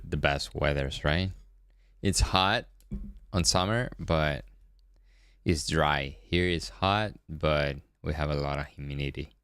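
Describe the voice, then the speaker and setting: A Venezuelan man hosts a day-trading livestream, chatting casually with viewers, often repeating words and trailing off low. His voice is a bit bright, with studio-quality sound and no room sound.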